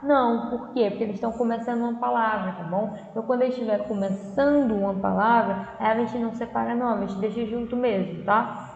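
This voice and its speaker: A woman's voice: mid-range voice, creaky, a little mellow. A Brazilian woman teacher giving a lesson, explaining patiently and often checking in with her students. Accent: Brazilian Portuguese. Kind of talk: remote class lesson. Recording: echoey room, dull lo-fi audio, faint noise.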